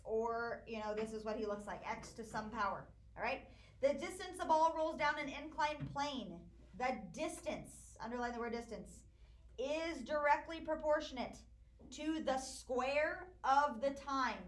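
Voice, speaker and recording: A woman math teacher lecturing a classroom, walking through problems step by step and hushing her students. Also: high voice, normal speed. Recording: echoey classroom recording.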